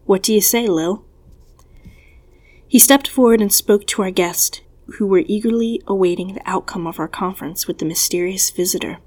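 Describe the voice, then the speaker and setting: A woman reads an old-fashioned story aloud in measured, even phrasing. Her voice sits in a middle pitch, steady and unhurried. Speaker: narrator. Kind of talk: storybook reading.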